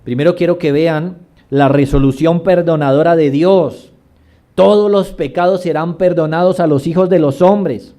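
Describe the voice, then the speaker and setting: A male pastor preaches with animated emphasis, often pausing to ask rhetorical questions. His voice sits a little high for a man but has a mellow, soft tone. He reads scripture passages aloud between explanations. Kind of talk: sermon.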